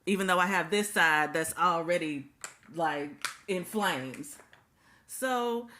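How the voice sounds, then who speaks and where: A woman telling a storytime to her viewers in a lower, bright-edged voice with some bite. She is casual and emphatic, hammering key phrases twice and talking right at her audience. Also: slow pace. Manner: talks straight to the audience. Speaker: storytime vlogger.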